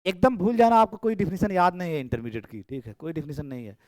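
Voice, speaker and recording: एक पुरुष गणित शिक्षक कक्षा में पढ़ा रहे हैं, बातें दोहराते हुए और छात्रों की कॉपियाँ जाँचते हुए।. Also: male voice, high voice, quick pace, a little mellow, no room sound. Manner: chatty, repeats phrases, checks students' work aloud. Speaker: maths teacher. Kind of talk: classroom lecture. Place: classroom. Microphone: camera in room.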